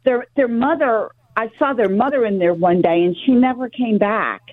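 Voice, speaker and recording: A woman's voice: fairly high pitch, normal speed. A woman calling in to a radio show by phone, chatting casually and a little hesitantly over a tinny, echoey line. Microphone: telephone.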